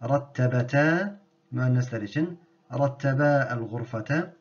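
A man teaching an Arabic grammar lesson, speaking slowly and deliberately and repeating each word so it can be drilled. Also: medium pitch, dull audio.

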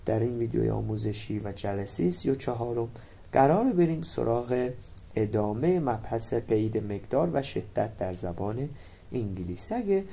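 A man with a Persian accent teaching an English grammar lesson online, repeating English words slowly for pronunciation. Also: mid-range voice, animated, creaky, warm tone, slightly rough.

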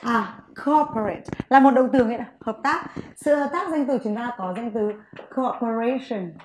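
A woman English teacher giving a vocabulary lesson, saying each word slowly for her students to repeat. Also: fairly high pitch, echoey room, slight background noise.

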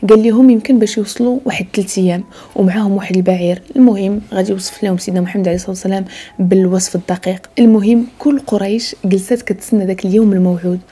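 A woman with a Moroccan Arabic accent tells a religious story at a quick pace. Her voice is soft, mellow and breathy, and she often drops into a hushed whisper. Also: medium pitch, fairly even intonation.

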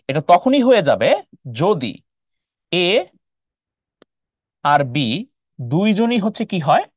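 A male math teacher with a Bangladeshi Bengali accent gives a live online lesson, his pitch rising and falling a great deal. He explains step by step and keeps checking whether the class follows. The sound is dry and close to the mic. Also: no room sound.

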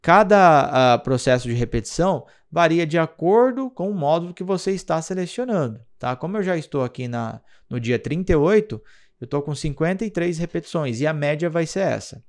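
Brazilian male teacher, somewhat high voice, patient tutorial delivery. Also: expressive, brisk. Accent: Brazilian Portuguese. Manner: patient, explanatory, checks in with "tá?" and "olha só". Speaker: English teacher. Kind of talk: screen-recorded app tutorial.

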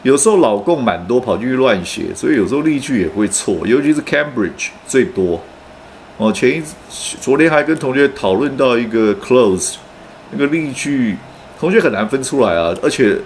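Man, pronunciation teacher; lively pitch, patient "oh"-filled explanations, slow modelled words. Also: a little hiss or hum. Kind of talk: online pronunciation lesson.

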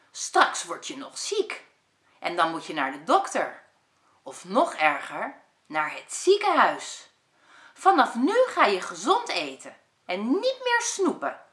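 Bossy, sporty storybook boy, read by a woman, bright and lively, echoey room. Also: medium pitch, exaggerated voice. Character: bossy sporty boy who nags about health.

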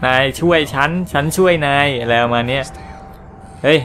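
A man casually commentating a video game he plays, explaining and translating the story and reacting excitedly to fights. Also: medium pitch, normal speed, a little hiss or hum. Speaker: gaming channel host. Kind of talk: casual let's-play commentary.

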